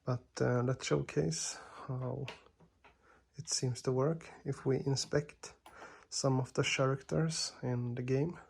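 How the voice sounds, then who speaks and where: This TV reviewer speaks English slowly and with care, though his native tongue is Swedish and he comes from Sweden. His tone is gravelly and creaky, his pitch flat, and he keeps hesitating, restarting and apologizing, with plenty of filler words. It's casual demo narration captured on a camera mic in a dark living room at home.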